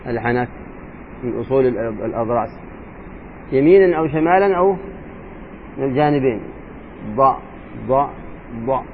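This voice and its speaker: A man teaching jurisprudence as a sheikh, explaining a text and slowly repeating and demonstrating letter sounds aloud. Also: medium pitch. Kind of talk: religious lesson explaining a legal text. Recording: tinny phone-like lo-fi sound with faint noise.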